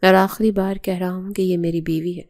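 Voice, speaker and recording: A firm young husband from a bedtime storybook, read out by a woman narrator in her own mellow tone. He speaks plainly and steadily, with a warm, soft timbre. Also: fairly low pitch, flat delivery, lightly acted. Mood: stern. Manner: firm, then gentle. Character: young man, stern husband who softens.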